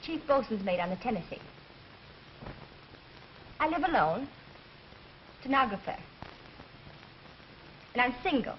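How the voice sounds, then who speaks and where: An actress playing a feisty, sharp-tongued single young woman in an old film. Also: fairly high pitch, animated, a little slow, pauses often. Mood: earnest. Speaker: stenographer. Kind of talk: 1940s film acting. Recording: dull old film soundtrack with hiss.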